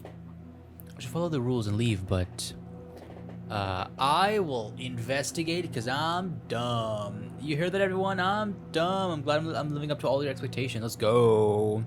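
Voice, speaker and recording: A man with a medium-pitched, expressive voice reads a visual novel at a measured pace as he hosts a game playthrough. He adds dry, self-deprecating casual commentary, clears his slightly scratchy throat often, and speaks over background music.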